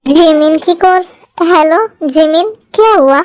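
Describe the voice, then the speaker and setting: A woman's voice: very high voice, slow, over music. A woman voicing a timid teenage schoolgirl in a Hindi fan-dub drama, pleading and easily brought to tears. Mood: earnest.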